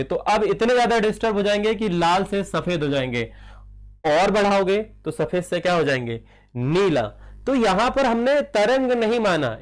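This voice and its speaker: High-voiced Indian man teaching chemistry. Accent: Hindi. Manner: questions students, answers himself; calls listeners child. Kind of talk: classroom lecture.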